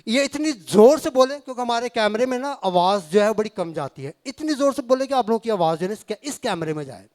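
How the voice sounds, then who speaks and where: Pakistani evangelist, high-pitched man preaching to his congregation, mixing in English and words. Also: lively intonation, darkish tone. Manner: mixes Punjabi and English words into Urdu, addresses the congregation directly. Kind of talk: sermon. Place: church fellowship hall.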